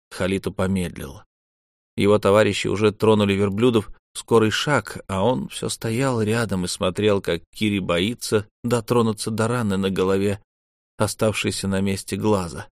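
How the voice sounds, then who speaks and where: A man with a fairly low voice reads a story in a steady, measured way. The recording is dry and close, with no room sound. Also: no echo. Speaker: audiobook narrator. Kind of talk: scripted narration.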